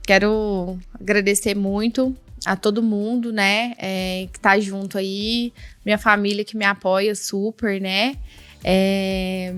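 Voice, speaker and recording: A woman's voice: mid-range voice, a bit bright. Brazilian woman chatting on a podcast, slightly lispy speech, encouraging, music playing under her. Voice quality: slight lisp from a tongue-tie. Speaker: podcast guest. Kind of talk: casual podcast conversation.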